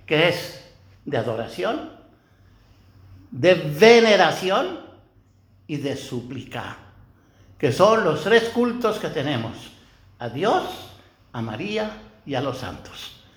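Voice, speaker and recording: A man's voice: sits high, very animated, slow pace, pauses often, fairly bright tone, roomy sound. An older man preaching a homily as a priest, talking to his listeners in a conversational way and tossing in rhetorical questions.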